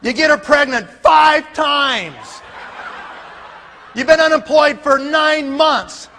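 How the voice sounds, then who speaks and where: A man acting out a furious, blustering middle-aged father-in-law who shouts indignantly. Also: very high voice, slow pace, slight background noise, exaggerated voice.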